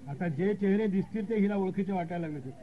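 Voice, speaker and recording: A man's voice: high-pitched, fast, a little hiss or hum. A man narrating a humorous story with wry comic commentary, on a dull lo-fi recording.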